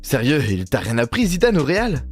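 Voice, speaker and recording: A man's voice: medium pitch, wildly swooping pitch, normal speed. A man doing humorous scripted voice-over commentary, teasing and mock-indignant as he addresses viewers directly. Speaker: video host and narrator.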